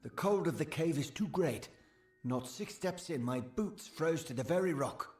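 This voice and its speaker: A man with a natural, slightly high, darkish voice speaks animatedly at a moderate pace, playing an eager, self-effacing village sagecrafter in scripted fantasy game dialogue. He sounds earnest, uneasy, hesitant and deferential, recorded with roomy echo and background music.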